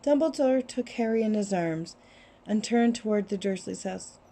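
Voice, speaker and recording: A woman reading a children's novel aloud in a steady, expressive way, recorded on a cell phone. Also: mid-range voice, normal speed. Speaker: reader. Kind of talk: storybook reading.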